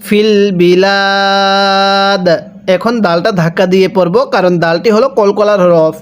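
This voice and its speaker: A man with a Bangladeshi Bengali accent teaching Quran reading, spelling out letters and vowel marks slowly and asking listeners to repeat after him. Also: high-pitched, steady tone, a little mellow. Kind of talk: slow spelled-out Quran recitation lesson.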